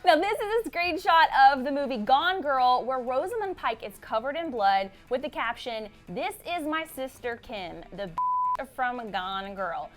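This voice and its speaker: Female co-host for entertainment news chat, very high and animated, casual slangy delivery. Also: measured pace, faint music behind. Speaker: co-host of a celebrity gossip show. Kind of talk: chatty entertainment news banter.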